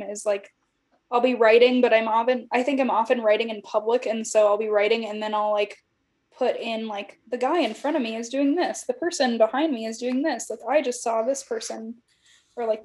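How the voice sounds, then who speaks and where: Woman in her thirties, fairly high and mellow, reflective journal reading with lots of "like" fillers. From California. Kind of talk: casual chat, reading aloud from old journals.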